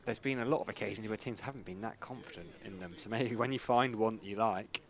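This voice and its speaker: A man's voice: on the low side, fast talker. A man giving conversational live cricket commentary, thinking aloud as he discusses play and tactics.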